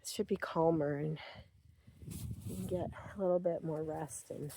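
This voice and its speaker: Outdoors on a snowy rural property, a woman vlogger tells a rambling, chatty story, slightly out of breath from the cold and full of fillers and quoted asides. Her low, warm voice moves at a normal speed with fairly even intonation, over a little hiss or hum.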